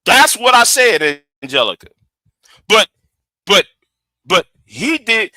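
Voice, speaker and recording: High-pitched and sing-song, the voice of this forties-aged male livestream host comes out slow, bright and forceful on a dry recording. He addresses his audience heatedly, defending himself with stammers and repeated words.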